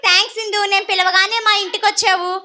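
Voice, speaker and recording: A very high, bright-voiced housewife, played by a woman, fussing over her daughter's wedding. She bosses her maid around sharply. It is staged as an amateur church Christmas skit. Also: little pitch movement, very fast, a little hiss or hum, exaggerated voice. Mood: fussy. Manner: bossy toward her maid. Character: fussy, busy lady of the house planning her daughter's wedding.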